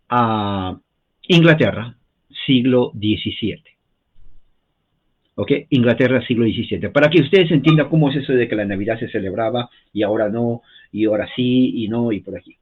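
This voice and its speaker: A man's voice: medium pitch, slightly rough. A man giving an informal history lesson in a chatty way, often repeating himself and checking in with his listeners. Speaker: history teacher. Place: lives in the United States. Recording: tinny phone-like sound.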